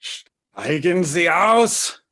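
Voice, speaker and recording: A man's voice: a little high, lively intonation, extremely slow, sharp tone, heavily acted. A man in a live script reading, voicing a possessed, demonic German mutant who declaims menacingly.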